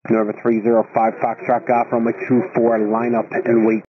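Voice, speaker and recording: A man working as an air traffic tower controller, giving stern, authoritative instructions over a radio in a husky voice. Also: medium pitch, completely flat delivery, brisk, muffled recording. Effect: aviation radio.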